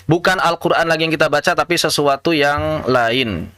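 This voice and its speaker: A man with an Indonesian accent teaching Quran recitation rules, slowly demonstrating right and wrong pronunciations with lively teacherly emphasis. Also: fairly high pitch, dry recording. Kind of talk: tajwid lesson with recited examples.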